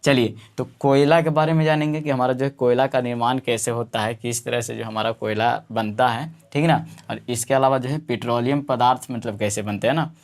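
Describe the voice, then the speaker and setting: Rambling Hindi-speaking science teacher. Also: male voice, medium pitch, fairly even intonation, brisk, few pauses. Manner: rambling, many fillers and tag questions. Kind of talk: casual classroom explanation.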